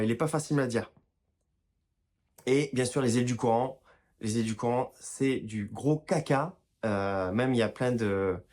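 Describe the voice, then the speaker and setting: Man, casual talk to camera, informal, addresses viewer directly, frequent restarts, average pitch. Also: darkish tone. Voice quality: apologizes for his own pronunciation. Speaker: health and wellness video creator.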